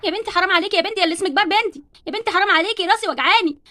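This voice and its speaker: A woman's voice: very high-pitched, rapid-fire, heavy background noise. A woman doing a weary Egyptian auntie. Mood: scolding. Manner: pleading, scolding. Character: weary older neighbor woman with headache.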